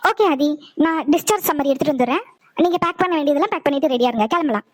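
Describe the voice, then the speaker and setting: A woman voicing a practical female doctor in an animated cartoon, giving discharge instructions. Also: high voice. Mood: brisk. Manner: brisk and businesslike.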